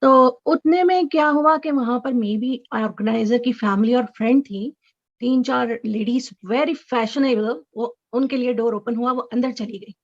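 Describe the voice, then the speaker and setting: A middle-aged woman telling an excited story as an interview guest on a video call, sometimes breaking into high squeals. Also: measured pace, no echo. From Chicago resident. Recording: dull, dry video call audio.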